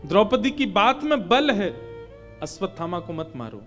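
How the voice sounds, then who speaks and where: A man voicing the eldest royal brother Yudhishthira, calm and measured as he gives a firm judgment. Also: high-pitched, faint music behind, heavily acted. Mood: grave.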